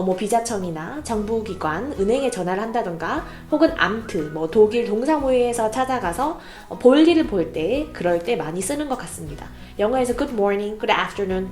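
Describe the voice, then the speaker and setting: A woman from Korea giving a casual online German lesson, talking brightly and repeating German phrases slowly so learners can follow. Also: medium pitch, roomy sound. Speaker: German language teacher.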